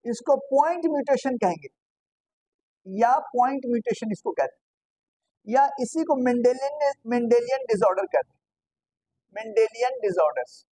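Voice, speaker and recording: A woman's voice: on the high side, animated, normal speed, long pauses, mellow, breathy edge, no room sound, low-quality recording. A woman teaching a biology lesson at the board, repeating key terms and quizzing the class with rhetorical questions, slipping English phrases in. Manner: mixes English phrases into Hindi.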